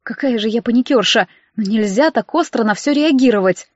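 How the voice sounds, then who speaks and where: Woman reading a novel, higher voice, dry dead-room audio. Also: lively intonation, fairly quick, a little mellow, no echo, dull audio. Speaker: audiobook narrator. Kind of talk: first-person novel narration.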